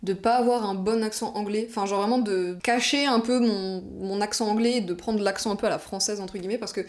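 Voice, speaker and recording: A woman's voice: mid-range voice, steady tone, fairly quick. Chatty young Frenchwoman telling stories. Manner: chatty, conversational, frequent fillers like genre and bah. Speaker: vlogger. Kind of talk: casual storytelling monologue.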